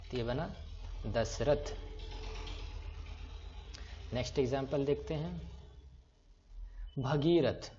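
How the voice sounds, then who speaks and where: A man's voice: mid-range voice, slow, long pauses, mellow. A man teaching an online class, patiently breaking words apart and spelling them letter by letter. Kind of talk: online class on writing names in English letters. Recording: slightly dull lo-fi recording.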